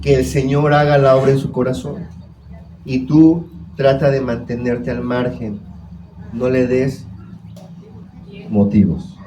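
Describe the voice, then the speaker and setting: A man's voice: mid-range voice, level tone, slow, pauses often, dark tone, a little hiss or hum. A man preaching a sermon as pastor, putting questions to his congregation. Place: church hall. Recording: echoey church room.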